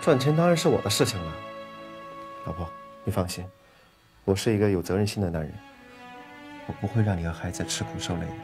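An actor playing a proud young husband out of work, indignant at times and earnest at others, in a TV drama. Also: male voice, low voice, expressive, fast, long pauses. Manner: indignant, then earnest and reassuring. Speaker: laid-off office worker, husband. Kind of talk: TV drama acting. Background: music score.

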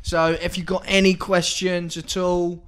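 A man chatting casually as a podcast guest, rambling and halting, laughing often. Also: high voice, little pitch movement, fairly bright tone. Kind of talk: casual chat.

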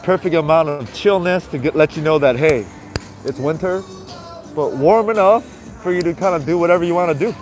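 Filmed on a handheld phone, a stuffy-nosed male vlogger strolls a nighttime city sidewalk while live-streaming. His slightly high voice has a darkish tone. He keeps up casual chatter with his viewers and says hello more than once.

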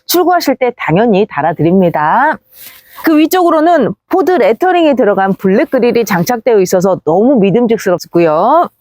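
Female used-car seller, high animated voice, dry sound, slick and upbeat walkaround delivery. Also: moderate pace, dry recording. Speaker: used car dealer presenting a vehicle. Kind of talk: sales walkaround presentation.

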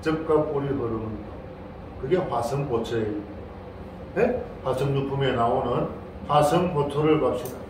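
A man's voice: mid-range voice, a little slow, noisy background. An older man, a Buddhist monk, gives a playful Dharma lecture to a congregation and keeps prompting his listeners with questions. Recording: very echoey hall, voice far from the mic.

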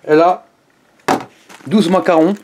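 Chatty, animated man vlogging to camera. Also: on the high side, a little slow, noisy background. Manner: chatty and animated, with exclamations and asides to viewers. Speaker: food reviewer YouTuber. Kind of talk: casual vlog chat to camera.

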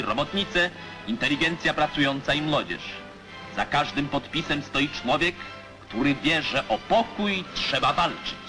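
A man's voice: on the high side, rough recording. A man giving formal, declamatory narration for an old 1950s newsreel. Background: music.

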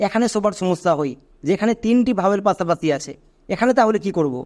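Spelling each word letter by letter, a man with a high, somewhat mellow voice and lively intonation leads an online phonics class on English pronunciation. He keeps checking in with short, quick questions and stays patient throughout.

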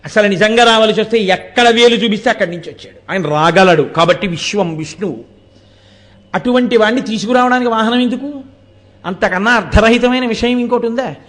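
A man's voice: high-pitched, a little fast, fairly bright tone. A man giving a live devotional discourse to an audience, asking rhetorical questions and quoting verses as he explains. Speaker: spiritual discourse speaker.

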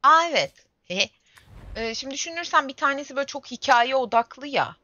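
A woman's voice: high-pitched, expressive, fairly quick, pushed and bright, no room sound. A young woman in her twenties streaming a game, chatting casually and grumbling and exclaiming to herself as she plays. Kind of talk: casual gameplay livestream chat. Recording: dull lo-fi stream audio with faint game music.

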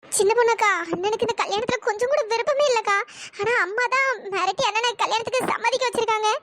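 A woman's voice: very high voice, fast talker, a bit bright. A woman voicing a worried younger sister in a cartoon story, earnest and pleading. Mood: concerned.

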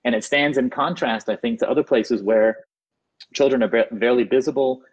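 Guy from the US on a video call, earbud mic, kinda husky voice, chill conversational talk. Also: mid-range voice, fairly quick, highs cut off. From United States. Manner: relaxed, conversational, frequent "you know". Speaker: panelist, urban design expert. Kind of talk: webinar talk. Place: indoors, plain room.

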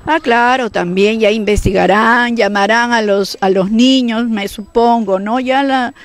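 A woman's voice: fairly high pitch, unhurried. A woman school principal from Peru giving a cautious, guarded statement to the press. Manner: cautious, evasive.

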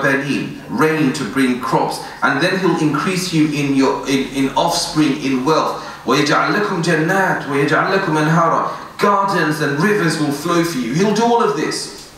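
A man's voice: a little high, fairly bright tone. A man in his thirties giving an earnest, pleading sermon, reciting verses in Arabic between explanations. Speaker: imam giving a Friday sermon. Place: indoor prayer room with woven screen backdrop. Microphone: stand mic near mouth. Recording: echoey room, voice a bit distant.

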